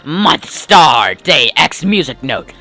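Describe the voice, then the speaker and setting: A man's voice: fairly high pitch, big pitch swings, takes it slowly, bright, forceful tone, faint music behind, full character voice. A man voicing a pompous, swaggering ship captain in a grand, theatrical pirate voice.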